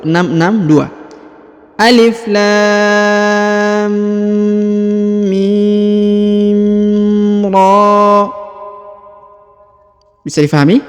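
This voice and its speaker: High-voiced man teaching slow patient recitation. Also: big-room sound. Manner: patient, explains slowly, ends phrases with "ya"; draws out letter names in chanted recitation. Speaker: Quran reading teacher. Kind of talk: step-by-step recitation lesson.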